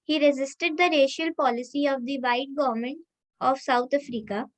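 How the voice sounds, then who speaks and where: A female student with an Indian accent reading a history textbook aloud, haltingly, repeating words now and then. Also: sits high, fairly even intonation.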